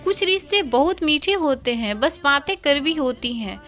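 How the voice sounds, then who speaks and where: A woman narrates a household tale in a high, bright voice, reading every character's lines herself without changing her voice. Soft music plays quietly behind her. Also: lively intonation, normal speed. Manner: reads all characters in her own voice. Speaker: storyteller. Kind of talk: scripted narration.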